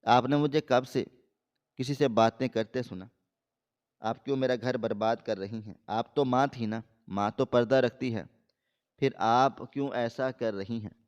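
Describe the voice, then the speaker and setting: A desperate, pleading young wife, read by a male storyteller with a clear, smooth voice. The recording sounds a bit dull and lo-fi. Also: mid-range voice, a little mellow, lightly acted.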